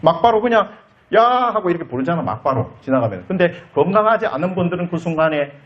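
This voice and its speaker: Animated man giving a counseling lecture. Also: fairly high pitch, quick pace, muffled recording. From South Korea. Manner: animated, acts out quoted lines in shifting voices. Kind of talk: academic conference lecture. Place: lecture hall.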